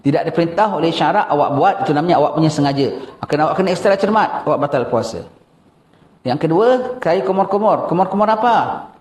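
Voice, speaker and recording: Older malaysian guy preaching, kinda high voice, echoey room, keeps asking the crowd stuff. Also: fast. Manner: animated, questions the audience, acts out askers. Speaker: religious teacher. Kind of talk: mosque lecture on fasting rules.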